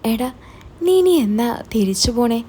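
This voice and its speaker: ഒരു സ്ത്രീ അവതരിപ്പിക്കുന്ന കളിയാക്കുന്ന ചെറുപ്പക്കാരൻ സുഹൃത്ത്. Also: female voice, a little high, animated, moderate pace, warm tone, slight background noise, close to an everyday voice. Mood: teasing. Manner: teasing, blunt, scolding. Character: cheerful hungry young man, the hero's old college friend, blunt.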